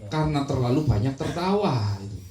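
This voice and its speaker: A man giving a religious lecture in an animated way, sometimes dropping into soft prayerful murmurs. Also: mid-range voice, a little fast, reverberant, rough recording. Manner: animated, shifts into soft prayerful murmurs when demonstrating zikir. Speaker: preacher.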